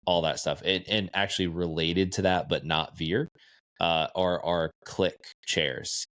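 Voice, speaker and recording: A man with a very low, deep voice chats casually on a podcast, easygoing and matter-of-fact. The sound is close and dry, with no room around it. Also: a little slow, dry recording. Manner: relaxed, matter-of-fact recommending. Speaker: podcast co-host. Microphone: podcast microphone.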